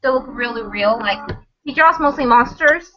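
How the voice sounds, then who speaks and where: A woman's voice: a little high, moderate pace, dull audio. A woman guest on a live chat show, talking hesitantly and filling her speech with "like". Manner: hesitant, lots of "like". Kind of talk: casual chat.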